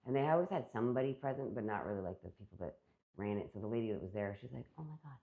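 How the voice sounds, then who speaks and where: A woman's voice: rumbling low, rapid-fire. A woman being interviewed, recounting a personal story in a rambling way, full of fillers and quoted back-and-forth. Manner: rambling, filler-heavy retelling with many quoted exchanges. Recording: phone-like narrow band.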